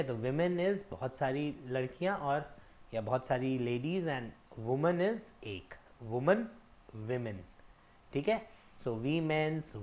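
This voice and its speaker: A young man teaching English pronunciation, stressing each word slowly and setting wrong forms against right ones. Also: on the high side, a little mellow. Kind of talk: explanatory lesson mixing Hindi and English.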